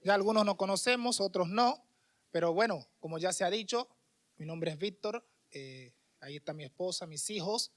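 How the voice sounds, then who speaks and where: Dominican guy preaching, high voice, chatty with restarts and ums. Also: moderate pace, a bit bright. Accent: Dominican Spanish. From Dominican Republic. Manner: conversational, many restarts and fillers. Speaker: missionary preacher. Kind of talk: sermon.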